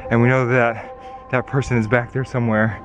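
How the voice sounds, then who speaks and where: The recording is muffled, with music in the background, as a young man vlogs from the woods, holding his camera at arm's length while hurrying along. His mid-range voice is fairly quick and flat in delivery, though he talks urgently with gasps and exclamations, narrating excitedly.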